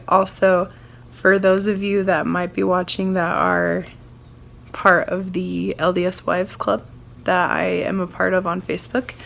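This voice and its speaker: A young woman with a sick, croaky frog voice from a sore throat, chatting casually and ramblingly to viewers as a video host. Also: mid-range voice, a little hiss or hum. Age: young adult.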